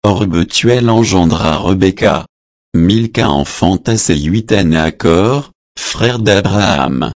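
Low-voiced guy reading scripture real slow and deliberate. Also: expressive, dry recording. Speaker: scripture reader.

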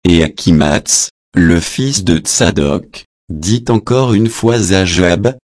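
A man reading scripture aloud in a measured, solemn way, announcing verse numbers and adding short translation notes. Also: low-pitched, no echo, clean studio sound. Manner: adds short translation notes between passages.

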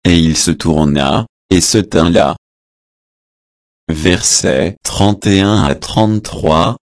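A man reading scripture aloud in a measured, solemn way, announcing verse numbers and adding short translation notes. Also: sits low, dry recording, clean studio sound. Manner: adds short translation notes between passages.

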